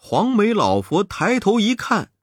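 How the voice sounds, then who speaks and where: A man reading a children's story aloud, slow and deliberate. His pitch rises and falls dramatically from phrase to phrase. The sound is close and completely dry. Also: wildly swooping pitch, slightly rough, no echo.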